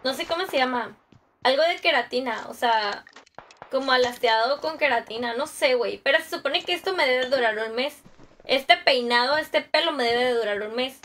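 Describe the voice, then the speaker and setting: Speaking at a normal speed in a high, fairly bright voice, a young female streamer with a Mexican Spanish accent chats loosely with her audience mid-game, slangy and profane, greeting people by name. There's a little hiss or hum in the recording.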